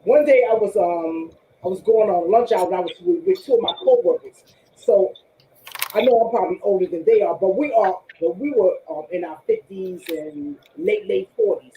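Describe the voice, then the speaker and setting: A woman's voice: mid-range voice, lively intonation, moderate pace, echoey room, lo-fi sound, a little hiss or hum. A woman in her sixties hosting a casual online panel and telling a story from her own life, talking freely and often repeating herself. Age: 60s. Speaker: panel host. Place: online group voice call.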